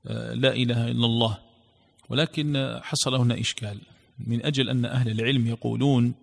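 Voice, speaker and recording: A man teaching religion, who reads passages from a text aloud and then explains them in a measured way, repeating the key phrases. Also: medium pitch, gravelly, in a large hall.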